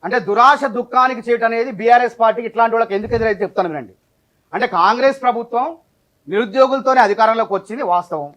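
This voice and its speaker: A man's voice: very high voice, fast, fairly bright tone. A man, speaking as a party spokesman in a heated debate who tells a folk parable at length and talks over interruptions.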